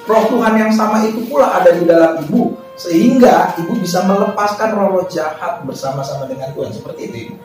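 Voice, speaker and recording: A man interviewing in a church setting, asking gentle questions and reading scripture slowly and with emphasis. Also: high-pitched, recorded from a distance. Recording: echoey hall, mic from afar, faint music.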